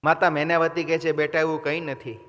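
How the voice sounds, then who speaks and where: A man's voice: on the high side, flat delivery, brisk, fairly bright tone. A man preaching a sermon, telling a story with dramatic dialogue. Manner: dramatic storytelling, voices mother and son in dialogue. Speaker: swami preacher. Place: temple hall. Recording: long reverb of a large hall.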